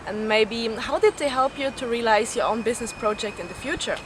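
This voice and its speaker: A woman's voice: on the high side, fairly quick. A woman interviewer asking polite, structured questions on a university campus. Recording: clear background noise.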